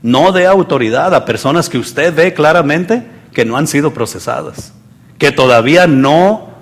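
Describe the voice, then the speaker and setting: A man preaching a sermon, swinging between loud emphasis and soft asides and acting out the people he quotes. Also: medium pitch.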